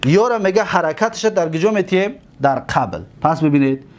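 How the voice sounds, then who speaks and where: A man's voice: on the high side, animated. A man with a Tajik accent teaching Arabic grammar in a classroom lesson, repeating word forms syllable by syllable and checking understanding with questions.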